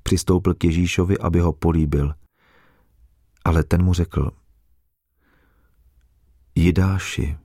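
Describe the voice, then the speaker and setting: A man reads a scripture passage aloud with a steady, solemn delivery. His voice is very low and deep. The recording is dry and close, with no echo. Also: pauses often. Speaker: scripture reader. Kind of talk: scripted Bible reading.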